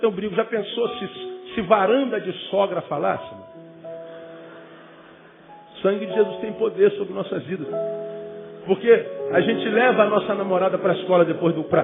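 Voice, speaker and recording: A man's voice: sits high, gravelly. A man preaching a sermon to young people as a pastor, emphatic, with rhetorical questions and joking asides. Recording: phone-like, with loud music.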